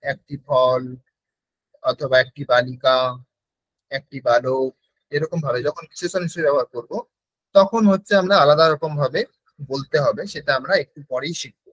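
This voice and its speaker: A man with a Bengali accent teaching a Sanskrit class over a video call, patiently repeating words slowly so his students can copy them. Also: mid-range voice, dry recording, low-quality recording.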